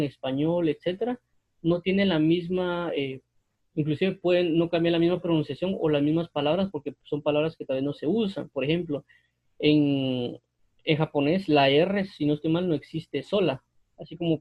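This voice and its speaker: A man giving an unscripted Bible commentary, pausing often with fillers and restarts as he explains a passage. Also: fairly high pitch, muffled recording. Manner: hesitant, many fillers and restarts. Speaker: Bible teacher.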